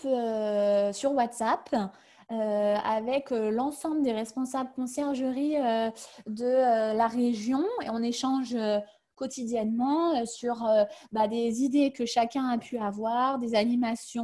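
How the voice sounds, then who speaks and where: A woman's voice: fairly high pitch, steady tone, unhurried, dark tone. Hesitant woman on a video call. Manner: hesitant, many fillers and restarts. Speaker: webinar guest sharing her career change. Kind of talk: casual webinar answers.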